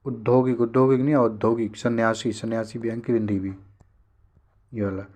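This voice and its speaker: A man teaching a spelling lesson for an exam, briskly repeating each word to correct it. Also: mid-range voice, steady tone, mellow.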